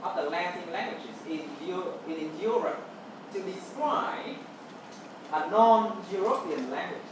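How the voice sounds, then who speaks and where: A lecturer whose native language is Vietnamese, speaking with a Vietnamese accent, explains material to a class and keeps asking "okay" and "right" to check understanding. The voice is medium-pitched, expressive, and a little slow, heard through a far-off mic in a large, echoey, noisy indoor room.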